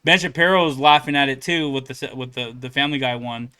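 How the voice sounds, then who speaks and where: A man's voice: medium pitch, quick pace, sharp tone, clear, resonant tone. A young man hosting a reaction channel, rambling casually with many fillers and laughs. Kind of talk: casual commentary.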